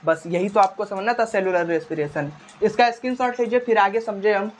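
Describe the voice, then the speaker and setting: A man's voice: high-pitched, fairly even intonation, a little fast, slight background noise. A male teacher giving a classroom biology lecture in a conversational style. He keeps asking short questions, answers them himself, and repeats the key terms.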